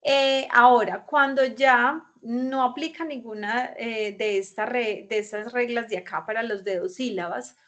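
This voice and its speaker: A woman's voice: on the high side, unhurried, hardly any pauses, fairly bright tone. A Colombian woman explaining English grammar in Spanish in an online class, patiently checking in with her students as she goes. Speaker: English teacher. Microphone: video call.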